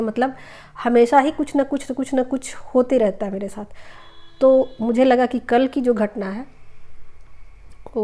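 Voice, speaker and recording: Chatty woman with a mellow voice. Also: a little high. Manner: chatty, repeats phrases, many hesitation fillers. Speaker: spiritual healing channel host. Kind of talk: casual storytelling to viewers.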